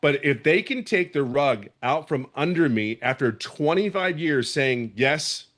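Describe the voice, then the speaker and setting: A man's voice: on the high side, lively intonation, unhurried, fairly bright tone. A middle-aged man from Philadelphia, speaking with a Philadelphia accent, gives a passionate, emphatic testimonial and often repeats himself. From Philadelphia, USA. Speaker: program member giving a testimonial. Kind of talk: emotional testimonial on a video call.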